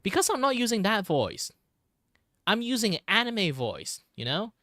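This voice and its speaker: A man voicing a youthful teenage anime character with a heightened pitch, chatting casually on a livestream. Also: big pitch swings, moderate pace, bright, forceful tone, dry recording, clean studio sound, exaggerated voice. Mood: upbeat.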